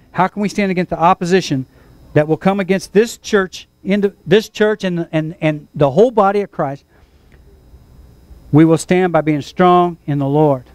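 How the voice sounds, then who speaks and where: A man's voice: high voice, a little mellow. A man preaching a sermon to his church, leading call-and-response and repeating phrases for emphasis. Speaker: pastor.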